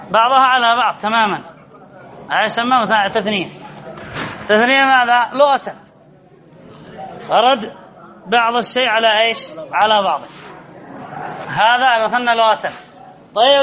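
High-voiced male teacher quizzing a class. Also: sharp tone, highs cut off. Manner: repeats answers, quizzes the class. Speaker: Arabic grammar teacher. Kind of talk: classroom lesson with questions to students.

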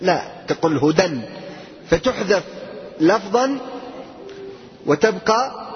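High-voiced male teacher quizzing a class. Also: expressive, in a large hall, dull audio, a little hiss or hum. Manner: quizzing students, repeating key words slowly. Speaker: Arabic grammar teacher. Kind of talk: classroom grammar lesson with questions to students.

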